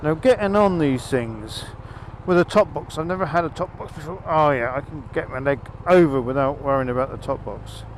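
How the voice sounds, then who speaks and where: A man's voice: a little high, animated, normal speed, few pauses, poor audio. A man talking casually through a helmet mic while test-riding a motorbike, thinking aloud as he goes. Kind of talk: casual ride commentary. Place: on a motorbike outdoors on the road. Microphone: helmet-mounted mic while riding. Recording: wind and engine noise, helmet mic.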